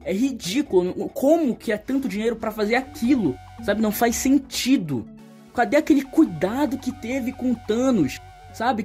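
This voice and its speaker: This is a voice-over set over background music: a young man with a Brazilian Portuguese accent giving opinionated, colloquial video-essay commentary. His voice is high-pitched and darkish in tone, and he grows emphatic when he criticizes.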